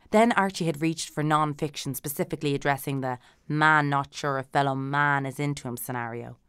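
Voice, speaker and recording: A woman reading a literary novel aloud as an audiobook narrator, in a measured, dry manner with light character voices. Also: rumbling low, clear, resonant tone, no room sound.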